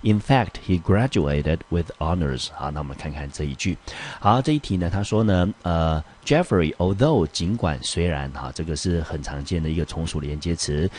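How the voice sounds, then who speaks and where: A male high school English teacher explaining vocabulary in a lesson, reading English sentences slowly and with many fillers. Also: a little mellow, husky. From Taiwan.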